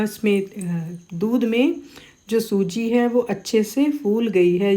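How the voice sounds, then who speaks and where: Woman cooking host with a sore throat, warm, low-key tone, chatty and step-by-step, corrects herself and says "uh" a lot. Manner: chatty, with many fillers and self-corrections. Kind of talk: casual cooking tutorial narration.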